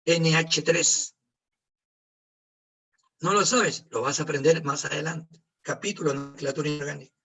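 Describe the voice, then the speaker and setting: A man teaching a chemistry class over a video call, lively, asking questions and answering them himself. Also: a little high, quick pace, gravelly, slightly rough, recorded from a distance, poor audio. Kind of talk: online class lecture. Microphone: computer mic on a video call.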